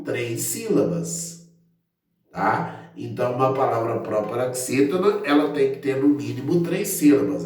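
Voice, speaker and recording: A man teaching a grammar lesson online, explaining slowly with frequent fillers and restarts. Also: medium pitch, a little mellow, distant mic. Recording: very echoey room, voice a bit off-mic.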